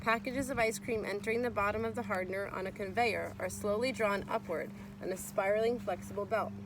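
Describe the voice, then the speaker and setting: Speaking fairly quickly in a medium-pitched voice, a woman reads from a nonfiction book for children, addressing young listeners and explaining like a teacher. There's background noise behind her.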